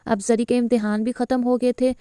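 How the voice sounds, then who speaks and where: Female audiobook reader, steady novel narration, mellow and smooth, fairly high. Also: no echo, clean studio sound. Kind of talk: reading a romantic novel aloud.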